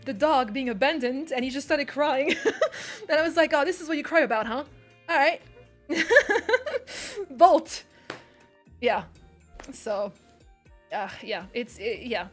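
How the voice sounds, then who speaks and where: A woman streamer talking candidly and rambling with her viewers in casual chat, often restarting her sentences. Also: medium pitch.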